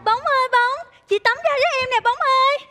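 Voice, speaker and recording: An actress playing a gentle young woman who coos tenderly to her pet fish in a stage comedy, with music playing behind her. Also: very high-pitched, fairly quick. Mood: cooing.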